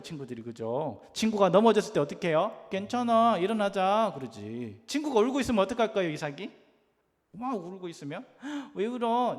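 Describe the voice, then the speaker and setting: Man for a children's sermon: high, soft, coaxing questions to a little one, reverberant hall. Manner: gentle, coaxing, asks a small child many questions. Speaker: preacher for children. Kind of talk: children's sermon with picture storytelling.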